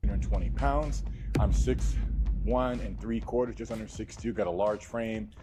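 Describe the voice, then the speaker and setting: A man's voice: on the low side, fairly even intonation, normal speed, over music. A man narrating a bodybuilding vlog in a matter-of-fact way, with his audio heard in the left ear only. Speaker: bodybuilding vlogger. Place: played from a video inside a livestream.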